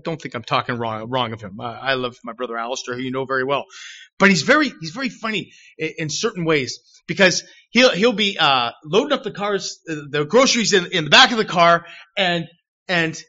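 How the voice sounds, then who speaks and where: A middle-aged man preaches to his congregation in an animated, self-deprecating way. His fairly high, bright voice swings widely as he acts out little scenes. The recording is dull and lo-fi. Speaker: pastor. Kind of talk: sermon.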